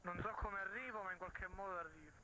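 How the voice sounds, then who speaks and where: High-voiced man over a walkie-talkie. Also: quick pace, noisy background. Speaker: co-op gamer. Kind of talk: casual gaming chat with friends.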